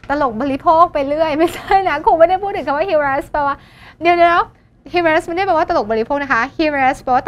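A woman teaching English for an exam, lively, asking questions and answering them herself. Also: high-pitched. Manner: mixes English words into her talk. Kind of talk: exam-prep lesson.

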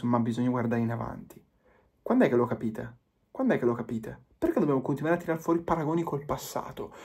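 A man rants to his viewers about football, hammering the same point again and again. His voice is husky and a little breathy, and he pleads and insists in turn. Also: medium pitch, darkish tone. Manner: emphatic, repetitive, pleading with viewers. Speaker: football commentator. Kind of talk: impassioned fan monologue.

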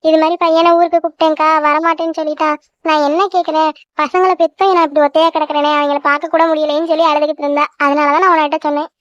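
A caring village aunt, voiced by a woman, coaxes and insists in a very high, fast cartoon voice. The recording is dry and somewhat dull. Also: level tone, a bit bright, no room sound. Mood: coaxing. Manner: coaxing, insistent. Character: caring middle-aged village aunt, persuasive. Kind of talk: cartoon voice acting.

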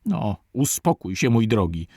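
A man reading aloud and voicing a brave, steady male naturalist explorer in an audiobook. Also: lowish voice, unhurried, creaky, dry recording, clean studio sound, heavily acted. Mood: urging calm.

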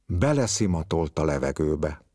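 A man reading a literary story aloud with expressive, varied storytelling. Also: rumbling low, dry recording, clean studio sound.

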